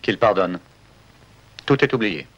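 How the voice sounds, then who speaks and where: An actor playing a composed investigator in a 1970s film drama, questioning people in a terse, probing way. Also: male voice, on the low side, expressive, unhurried, fairly bright tone. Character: composed male investigator hired to find a client's daughter. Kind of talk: 1970s French-language film drama acting. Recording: dull, noisy old film soundtrack.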